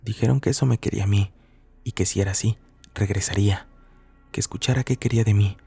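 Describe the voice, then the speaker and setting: A man reading a first-person horror story as scripted narration, measured and somber. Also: lowish voice, steady tone, gravelly, warm tone, breathy edge, faint music behind.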